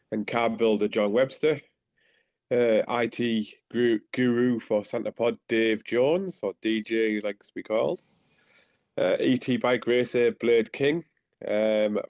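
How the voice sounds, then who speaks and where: A man with a Teesside accent, co-hosting a podcast and reading out announcements in a casual, halting way. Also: medium pitch, dry recording. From Teesside, north-east England. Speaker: podcast co-host. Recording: slightly dull lo-fi microphone.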